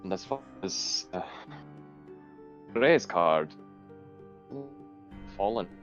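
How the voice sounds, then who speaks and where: A low-voiced man running a tabletop game over a call, his audio choppy and robotic as the bad connection cuts out. He recaps casually and haltingly, with restarts. The sound is dull and lo-fi, with faint music underneath. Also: lively intonation, a bit bright. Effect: choppy, robotic bad internet connection that cuts out. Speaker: game master.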